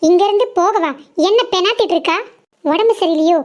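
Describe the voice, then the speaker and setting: A woman doing a nagging cartoon mum with a very high, piercing voice, firing off quick rebukes at her daughter and husband. Her tone is bossy and impatient. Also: a little mellow. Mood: scolding. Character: scolding, sharp-tongued mother of a schoolgirl.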